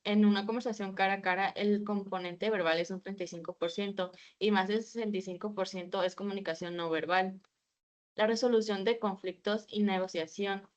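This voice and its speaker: A woman's voice: medium pitch, lo-fi sound. A woman giving a class presentation, reading from slides with a few hesitant fillers. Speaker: student presenter.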